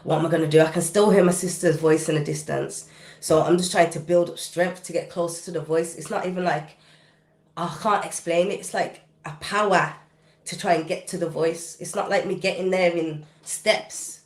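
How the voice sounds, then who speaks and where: Her voice is on the low side and steady, at a moderate pace, with a roomy sound. She's a British recording artist guesting on a podcast interview, recounting a personal story. She tells it vividly and intensely but casually, using casual dialect grammar.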